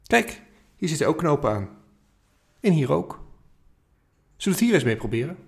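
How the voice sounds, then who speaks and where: A man's voice: fairly high pitch, sing-song, moderate pace, gravelly, pitched above the performer's own voice. A man voicing a friendly, curious round blue alien mascot in a children's storybook podcast, helpful and encouraging.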